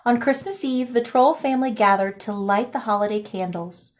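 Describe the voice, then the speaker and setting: Here a female teacher animatedly reads a children's picture book aloud, full of expression. Her pitch runs on the high side and her speed is normal.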